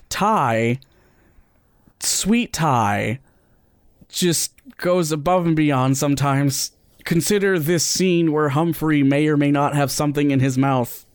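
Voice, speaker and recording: A podcast host and editor offers casual, wry, and playful behind-the-scenes commentary. His voice is medium in pitch, and there's no room sound.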